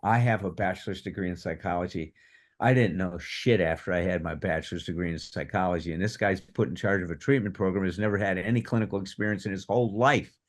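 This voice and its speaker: A man in his seventies telling his own story in animated fashion at a recovery workshop, acting out the voices of people in it. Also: sits low, fast. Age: 70s. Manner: animated, acts out quoted dialogue. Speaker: workshop speaker on addiction recovery. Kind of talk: personal storytelling.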